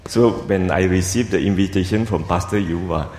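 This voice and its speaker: A man's voice: deep voice, normal speed, mellow. A man with a Malaysian accent preaching a sermon in English in an informal way, tagging sentences with little colloquial particles. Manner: informal, with 'you see' and 'lah' tags. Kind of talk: sermon in English at a church camp. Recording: echoey hall, noisy room sound.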